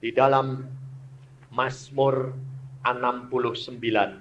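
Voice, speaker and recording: Male pastor, slow and emotional, loud to hushed. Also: medium pitch, level tone, slight background noise. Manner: emotional preaching, swinging between loud outbursts and soft, hushed lines. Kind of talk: sermon. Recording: dull lo-fi recording.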